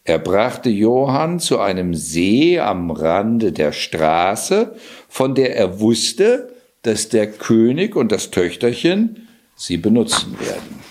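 Slow, expressive male storyteller. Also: on the low side, a little hiss or hum. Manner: expressive, with casual asides. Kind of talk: fairy tale read aloud.

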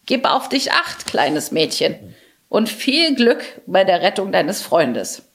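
A woman voicing a gentle, wise talking crow in a storybook reading, speaking slowly and soothingly. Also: mid-range voice, big pitch swings. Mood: warm farewell.

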